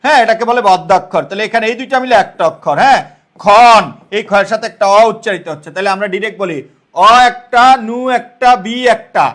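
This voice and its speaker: High-voiced man teaching a grammar lesson. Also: fast talker, a bit bright. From Bangladesh. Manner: explains step by step, repeats questions and checks understanding; sounds out words syllable by syllable. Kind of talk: online exam-prep lesson.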